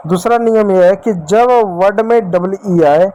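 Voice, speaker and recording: A man's voice: sits high, measured pace, mellow, highs cut off. A man teaching English spelling and phonics in Hindi, asking questions and answering them himself, repeating each step and calling his viewers dear children.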